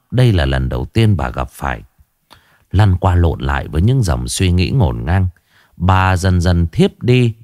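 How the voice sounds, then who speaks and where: A man's voice: sits low, a little mellow, no room sound, clean studio sound. A man narrating a ghost story in a dramatic storytelling manner.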